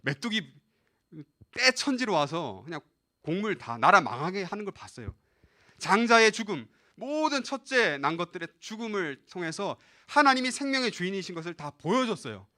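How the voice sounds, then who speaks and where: A man's voice: sits high, very animated, normal speed, sharp tone. A man preaching a live sermon as pastor, addressing the young listeners directly and acting out the voices in the scripture. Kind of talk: live sermon to a youth service.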